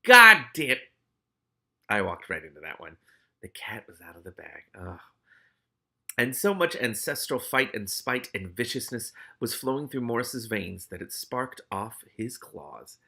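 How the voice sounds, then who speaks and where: Low-ish and very animated, this man's voice has vocal fry, a sharp tone and a breathy edge as he reads a novel at a measured pace. He dramatizes the text and breaks off into casual, sweary, exclamatory commentary.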